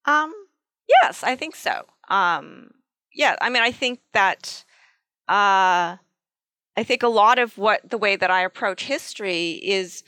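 A woman's voice: mid-range voice, animated, slow pace, pushed and bright, no echo. A woman historian answering interview questions, hesitant with many ums and repeated starts. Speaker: guest historian.

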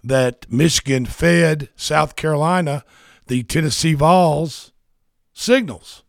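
A man's voice: on the high side, takes it slowly, creaky, dry recording, clean studio sound. A man hosting a sports radio show, chatting casually and rambling with repeats.

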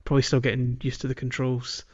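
A male podcast co-host chats casually about a game, thinking aloud in a hesitant way. He speaks quickly in a mid-range voice with completely flat delivery, and the dull, lo-fi audio has music in it.

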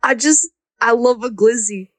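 Chatty animated woman, dry close sound. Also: a little high, a little slow, dry recording. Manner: animated storyteller, lots of fillers. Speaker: podcast co-host. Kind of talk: casual chat.

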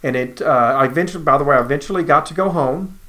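A man's voice: on the high side, fast talker, pushed and bright. A man, earnestly telling his own cancer story as personal testimony and acting out the dialogue.

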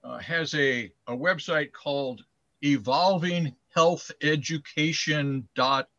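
A man hosting an interview show over a video call, friendly and quick to laugh. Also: fairly high pitch, fairly bright tone, no echo, muffled recording. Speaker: host. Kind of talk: interview host chat.

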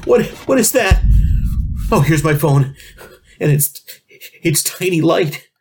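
A man's voice: fairly high pitch, lively intonation, slow pace, creaky, darkish tone, heavily acted. A man playing a jittery late-night radio host who stammers and gets flustered easily, in a comedic audio drama. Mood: panicked. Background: music.

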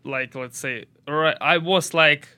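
A young man from Belarus, a boxer guest on a podcast studio interview, talking in halting, searching English. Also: on the high side, sharp tone, clear, resonant tone. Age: young adult. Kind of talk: casual interview.

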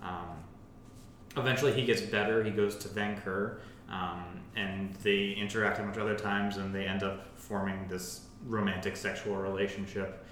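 Low-voiced man, filler-heavy, very echoey room. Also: level tone, moderate pace, fairly bright tone. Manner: filler-heavy, says "like" constantly. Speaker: podcast host. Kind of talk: casual plot summary and discussion. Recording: very echoey room, faint rumble.

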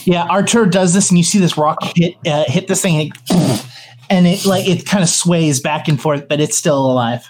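Male game master, higher-pitched, improvised narration with a hesitant, thinking-aloud delivery. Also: normal speed, darkish tone, a little hiss or hum.

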